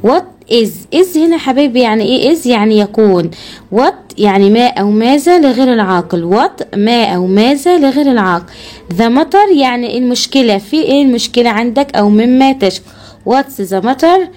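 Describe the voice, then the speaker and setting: A woman's voice: a little high, animated, moderate pace, a little mellow. A woman with an Egyptian Arabic accent giving a children's English lesson, patiently repeating words and spelling them out. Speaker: English teacher.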